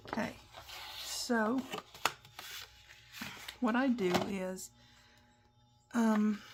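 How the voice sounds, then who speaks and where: Somewhat croaky and clearing her throat, a woman leads a casual papercraft tutorial, explaining each step in a chatty, instructive way while she works. Her voice is fairly high and a little mellow. A little hiss or hum runs under the recording.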